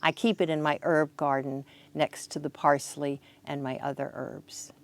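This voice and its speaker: Low-voiced woman. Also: level tone, unhurried. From Kentucky, United States. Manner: plain, instructive, pointing things out. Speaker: gardener giving a garden tour. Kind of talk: casual narrated garden walk-through. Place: outdoors in a home garden. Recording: outdoor ambient noise behind voice. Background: faint outdoor ambience.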